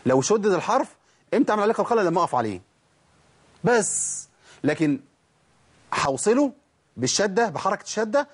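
رجل مصري يعطي درس تجويد بلهجة مصرية، يشرح خطوة بخطوة ويطرح الأسئلة ويجيب عليها بنفسه. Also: male voice, sits high, sing-song, a little fast, pauses often, slightly rough. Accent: Egyptian Arabic. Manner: explains step by step, asks and answers his own questions; acts out students' objections. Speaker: Quran recitation teacher. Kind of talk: tajweed lesson.

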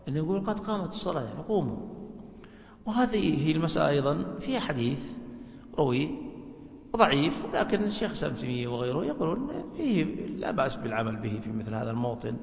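A man's voice: on the high side, big pitch swings, fast, gravelly. A man, a religious scholar, teaching a class and explaining points step by step, often checking with rhetorical questions. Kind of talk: classroom lecture. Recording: echoey hall, dull lo-fi sound.

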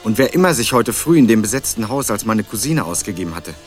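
On the low side and very animated, his voice moves at a quick clip. A sardonic young adult hunting his missing cousin narrates this radio crime drama in a laconic first-person style, music playing underneath.

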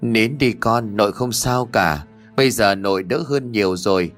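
An elderly grandmother, shaken and insistent, in a spoken ghost story, voiced by a man. The voice sits low. Quiet music plays underneath. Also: normal speed, lightly acted. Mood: tender.

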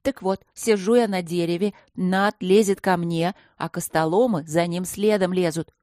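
A brash young dwarf mage girl, as a woman reader puts her on, tipsy and excitable, talking loudly and well above the reader's own pitch. Her words slur a bit, and the sound is dry and close. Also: moderate pace, no echo, lightly acted. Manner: high, loud, excitable, slurring.

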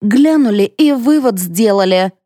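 A woman reading an audiobook, voicing a quick-tempered, indignant mother in a high, sharp voice. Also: lively intonation, no echo, studio quality, natural voice. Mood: furious.

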